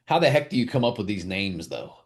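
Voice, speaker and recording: A man's voice: on the low side, big pitch swings, fast. A man hosting a podcast interview, asking questions and cheering the guest on. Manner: enthusiastic, encouraging questions. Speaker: podcast host. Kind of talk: casual interview.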